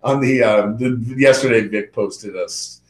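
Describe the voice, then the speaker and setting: A man co-hosting a podcast in casual banter, animated and sometimes jumping into high-pitched impressions. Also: a little slow. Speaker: podcast co-host. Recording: echoey room.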